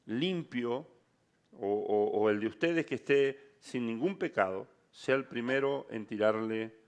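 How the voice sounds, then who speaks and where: A man voicing Jesus as a calm, forgiving man, speaking quietly, slowly and gently. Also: medium pitch, clear, resonant tone, natural voice. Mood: gentle.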